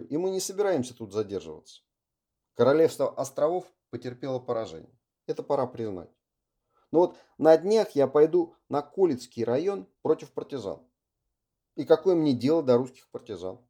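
A man voicing a calm, resigned English officer who speaks politely and in measured phrases. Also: medium pitch, voice pushed up. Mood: musing.

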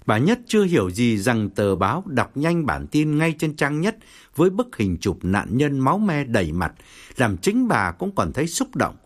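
A man narrating an audio story with expressive, dramatic delivery. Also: medium pitch, moderate pace.

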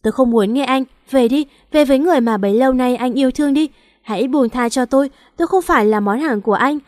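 A stubborn young pregnant wife, defiant and tearful as she pushes her husband away in a storybook reading, as a woman puts her on. Her voice sits on the high side and the sound is dry and close. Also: fairly quick, no room sound, close to an everyday voice. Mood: bitter.

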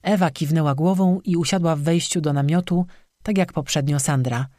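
Steady, measured audiobook narrator, mid pitch, dry booth sound. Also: no room sound.

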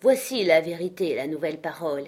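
A woman reading an audiobook and voicing a bitter, obsessed male inventor whose broken voice comes out muffled and hoarse. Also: low-pitched, expressive, fairly quick, darkish tone, voice pushed down. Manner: grim and declaiming.

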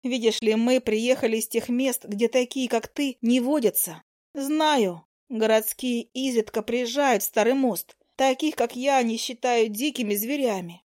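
A woman's voice: a little high, measured pace, a little mellow, no room sound, studio quality, natural voice. A woman voicing a shy young werewolf girl who talks timidly and stammers, in a storybook reading. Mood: shy, nervous.

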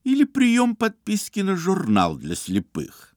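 A man narrating an audiobook in a theatrical, animated storytelling manner. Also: sits high, unhurried, no room sound, studio quality. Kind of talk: expressive literary narration.

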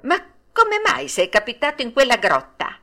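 A woman voicing a frightened, excitable wooden puppet boy in a storybook reading, shrill and breathless. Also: normal speed, gravelly, full character voice. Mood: eager.

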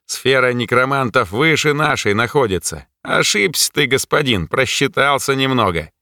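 A man voicing a hoarse, sneering male demon spirit in an audiobook, growling and mocking. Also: medium pitch, expressive, moderate pace, bright, forceful tone, no room sound, studio quality, pitched above the performer's own voice. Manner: mocking, sly.

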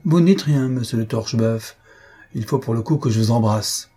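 A man's voice: mid-range voice, normal speed, dark tone, breathy edge, close to an everyday voice. A man voicing an old blind marquis in an audiobook, with a fervent, solemn way of raising toasts. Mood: excited. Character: old blind male marquis, proud royalist host. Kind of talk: audiobook character voice.

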